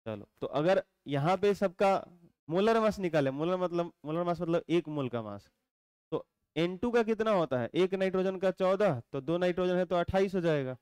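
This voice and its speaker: Male teacher, clear resonant voice, repeats and quizzes students. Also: high voice, animated, darkish tone, no echo. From India. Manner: explains slowly and repeats, asks students questions. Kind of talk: classroom chemistry lecture.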